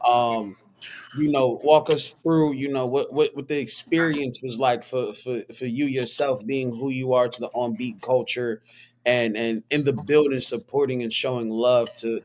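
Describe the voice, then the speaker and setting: A man's voice: medium pitch, fairly even intonation, moderate pace. Chill podcast host guy, rambly questions w lots of ums, faint hiss in the back. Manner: loose, rambling questions with fillers, hyping guest. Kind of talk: casual podcast interview.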